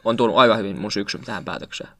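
A young man co-hosting a podcast, chatting casually with jokes, swearing and quick restarts. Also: lowish voice, bright, forceful tone, dry recording. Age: young adult. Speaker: podcast co-host. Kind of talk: casual chat. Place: classroom.

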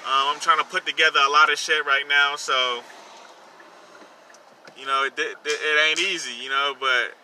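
Bright-voiced man chatting casually in a car. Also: a little high, little pitch movement, moderate pace, long pauses. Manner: informal, slangy, repeats himself. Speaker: host of a personal podcast segment, songwriter. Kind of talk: casual solo vlog chat while driving. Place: inside a car while driving. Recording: vehicle noise in the background. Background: faint vehicle noise.

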